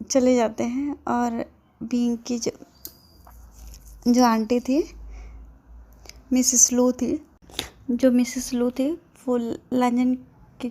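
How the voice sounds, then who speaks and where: A woman's voice: a little high, warm tone. A woman storyteller casually retelling a drama plot in a chatty, digressive way, full of fillers.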